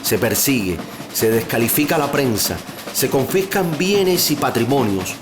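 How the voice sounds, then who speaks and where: A man's voice: mid-range voice, animated, a little slow. A man narrating a documentary in a grave, accusatory scripted tone. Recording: music under the voice.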